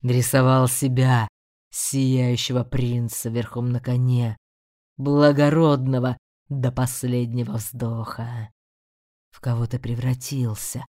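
Woman voicing a slow, growling ancient demon. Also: extremely low pitch, dark tone, no echo, studio quality, voice pushed down. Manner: slow, drawn-out growling delivery. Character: menacing ancient male demon beast, mocking. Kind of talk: audiobook character voice.

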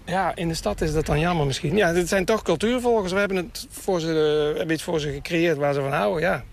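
Outdoors near water in a town, a man chats casually and enthusiastically for radio about bird calls while gulls cry in the background of the noisy field recording. His voice is fairly high and quick, with some vocal fry.

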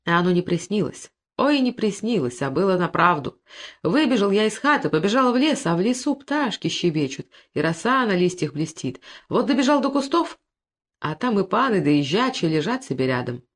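Woman narrator, classic prose audiobook, expressive storytelling, very lively pitch. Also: normal speed.

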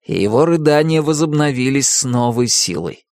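A man narrating a children's storybook in an even, expressive reading. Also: mid-range voice, moderate pace, no echo, studio quality. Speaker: audiobook narrator.

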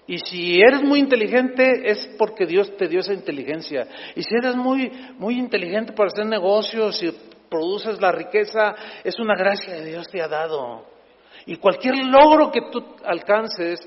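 High-voiced Mexican pastor preaching. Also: male voice. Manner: emphatic, humorous preaching that keeps addressing the congregation. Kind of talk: sermon. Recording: echoey dull hall sound.

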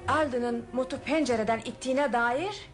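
This radio-play performer takes the role of a wealthy family's daughter who is collected, determined and wary, using firm, formal speech with a cool, accusing edge. Her voice is on the high side at a moderate pace, lightly acted, with soft background music.

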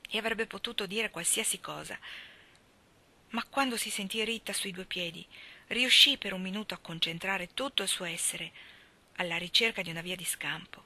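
Bright-voiced woman reading a story aloud. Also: mid-range voice. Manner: measured expressive narration, dropping to whispers. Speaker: reader of stories. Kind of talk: literary reading.

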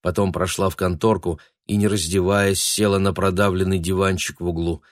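A man reads a novel aloud in a measured, steady narration. His voice sits in a low register. It is recorded dry and close, with no room echo. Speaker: audiobook narrator. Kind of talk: scripted narration.

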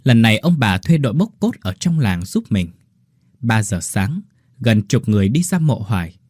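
A man reading a horror story aloud as a storyteller, with dramatic, expressive delivery. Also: lowish voice, moderate pace, slightly rough, no room sound, clean studio sound. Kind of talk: scripted horror story narration.

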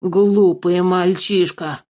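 A woman voicing a greedy, fussy old male dwarf in a storybook reading, excitable and quick to curse. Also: lowish voice, lightly acted. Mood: indignant. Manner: fussy, excitable, keeps cursing.

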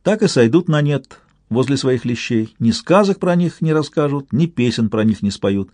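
A man's voice: mid-range voice, lively intonation, a little mellow, no echo, voice pushed up, close to an everyday voice. A man voicing a stern, determined young woman who speaks firmly and coolly. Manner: firm, measured, cool.

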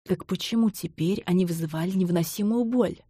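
A woman narrating a novel in the first person, in a measured, intimate storytelling manner. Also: fairly low pitch, mellow, breathy edge, dry recording, clean studio sound. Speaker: audiobook narrator.

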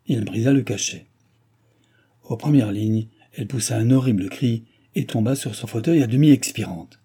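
A man narrating a classic novel as an audiobook, in a steady storytelling cadence. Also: medium pitch, normal speed, slightly rough.

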